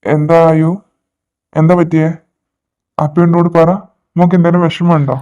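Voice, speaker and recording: A man voicing an older, hot-tempered father who is recovering from surgery and loudly demands answers in a fan audio drama. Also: a little high, flat delivery, moderate pace, lo-fi sound, natural voice. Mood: angry.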